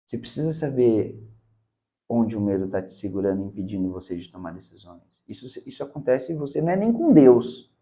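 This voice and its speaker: A man's voice: medium pitch, sing-song, a little fast, warm tone. A Brazilian man mentoring on public speaking, talking emphatically in a casual interview and often tagging his points with "cara" and "né". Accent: Brazilian Portuguese.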